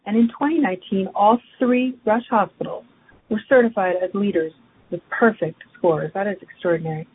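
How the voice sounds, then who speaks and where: A woman moderating a webinar, reading formal, measured speaker introductions. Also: medium pitch. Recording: tinny phone line with faint noise.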